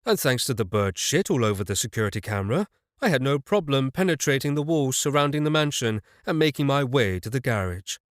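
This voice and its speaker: A man's voice: medium pitch, animated, a little fast, no room sound, clean studio sound. A man narrating a fantasy audiobook in the first person, telling it evenly with a wry touch.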